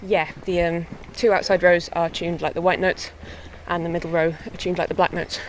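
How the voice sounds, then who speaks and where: A young harpist, born in England and raised in mid Wales, chats as a guest during a casual walking interview. Her voice is lowish and moderately paced, and she comes across as relaxed and talkative with light laughter. The recording is low quality, with faint outdoor noise.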